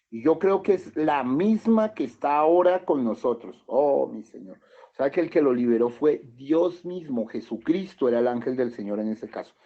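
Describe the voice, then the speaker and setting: A male pastor with a Colombian accent, preaching a sermon as he reads passages aloud and comments on them. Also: a little high. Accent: Colombian Spanish. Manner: reads quotes aloud, then comments with chuckles and questions. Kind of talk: sermon reading and commenting on scripture. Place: church hall. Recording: dull lo-fi church recording.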